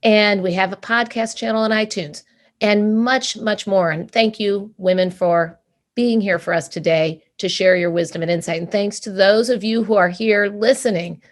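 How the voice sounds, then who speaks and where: A woman's voice: mid-range voice, moderate pace. A woman co-hosting a panel on a video call, giving enthusiastic, effusive closing remarks. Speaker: co-host of a panel.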